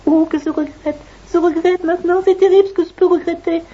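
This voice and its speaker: Woman playing a timid male ant, stammering, very high flat voice, lo-fi storybook audio. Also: brisk. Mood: frightened. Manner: stammering, fearful pleading.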